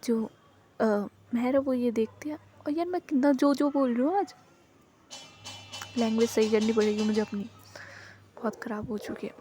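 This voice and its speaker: A woman's voice: fairly high pitch, moderate pace, long pauses, dark tone, a little hiss or hum. A woman narrating a romance story in a casual, chatty way, often correcting herself as she goes.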